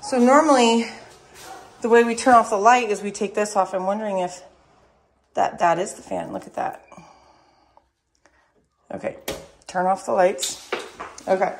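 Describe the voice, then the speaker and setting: A woman's voice: mid-range voice, steady tone, measured pace, pauses often, slight background noise. A tired woman chatting casually to camera as she shows rooms of her house under renovation. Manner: chatty, showing things to camera. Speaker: vlogger. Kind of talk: casual home renovation vlog.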